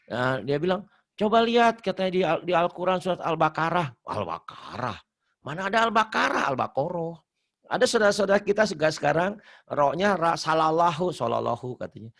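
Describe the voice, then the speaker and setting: A man's voice: a little high, creaky, a bit bright. A man teaching Quran recitation rules in a casual online lesson, joking, repeating himself and chanting verses as he goes. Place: online video call.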